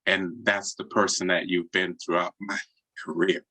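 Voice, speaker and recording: A man speaking slowly and earnestly, giving a heartfelt tribute over a video call. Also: deep voice, little pitch movement, bright, forceful tone, no echo, rough recording. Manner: slow, deliberate and earnest. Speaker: presenter.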